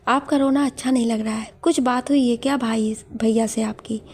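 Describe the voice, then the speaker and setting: A woman's voice: fairly high pitch, steady tone, normal speed, darkish tone, slight background noise, lightly acted. A woman voicing an affectionate young sister-in-law who speaks in a coaxing, caring tone.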